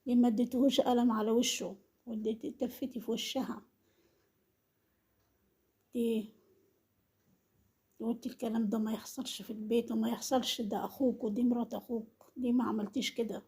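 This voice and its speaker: Scolding Egyptian woman, husky and mellow. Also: on the high side, flat delivery, brisk, pauses often. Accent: Egyptian Arabic. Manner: reproachful, hammers the same accusing questions over and over. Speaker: vlogger commenting on an online family feud. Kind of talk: scolding monologue.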